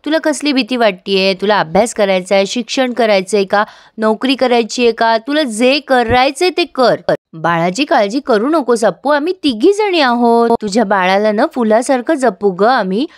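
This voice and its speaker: A woman reading as Suvai, a gently coaxing older mother-in-law. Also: fairly high pitch, animated, moderate pace, no room sound, studio quality, close to an everyday voice. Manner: soothing, coaxing.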